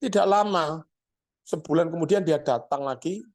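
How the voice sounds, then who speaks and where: A man's voice: fairly high pitch, moderate pace. Male pastor, East Javanese accent, conversational sermon storyteller. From Surabaya, Indonesia. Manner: conversational, addresses congregation directly.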